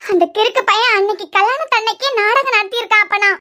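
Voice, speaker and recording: A woman's voice: very high voice, fast, sharp tone. A woman voicing a bitter, scheming old grandmother in a cartoon serial, with a Kanyakumari Tamil accent.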